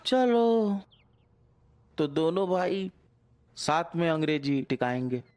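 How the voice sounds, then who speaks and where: A sulky aggrieved son-in-law. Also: male voice, a little high, expressive, takes it slowly, a little mellow, a little hiss or hum.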